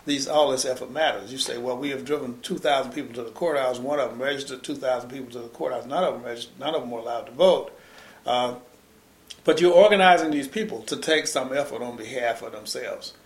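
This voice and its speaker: Older man, oral history interview, rapid delivery, emphatic, many restarts, echoey room. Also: medium pitch. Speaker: interviewee, former civil rights organizer. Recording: roomy echo.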